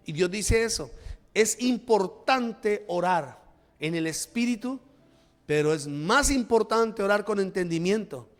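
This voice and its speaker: High-voiced preaching pastor, emphatic delivery. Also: male voice, lively intonation, measured pace. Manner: preaching with emphatic rises and drops, acting out prayers. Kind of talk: sermon. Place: church.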